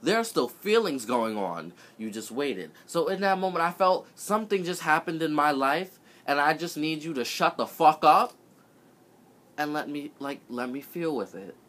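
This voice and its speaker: A young man telling a story casually and profanely, swinging between loud outbursts and flat, muttered asides. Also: fairly high pitch, normal speed.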